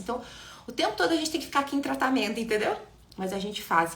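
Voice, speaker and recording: A woman, an educator in neuroscience, giving a lively live talk and speaking straight to her viewers. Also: fairly high pitch, reverberant. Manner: animated, addresses viewers directly.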